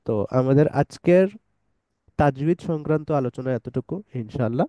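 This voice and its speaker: Male tajweed teacher, patient step-by-step explainer, mellow tone, dry close sound. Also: medium pitch, no echo, rough recording. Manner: patient step-by-step explaining, recites verses slowly. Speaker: Quran recitation teacher. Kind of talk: online tajweed lesson.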